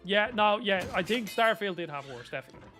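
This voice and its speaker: A man's voice: high-pitched, animated, quick pace, bright, forceful tone, soft background music. A man with a Dublin accent giving chatty, rambling, opinionated commentary while playing a video game. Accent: Dublin Irish. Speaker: gaming YouTuber. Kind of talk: casual gameplay commentary.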